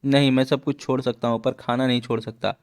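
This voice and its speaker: A man's voice: mid-range voice, level tone, quick pace, clear, resonant tone, close to an everyday voice. A glum, chubby food-lover played by a man complains mopily in a comic read-along. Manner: mopey, complaining.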